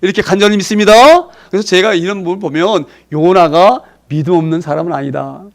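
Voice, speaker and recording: A man preaching a sermon as pastor, emphatic, asking the congregation rhetorical questions and acting out quoted voices with sharp swings in pitch and loudness. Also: fairly even intonation, brisk, creaky.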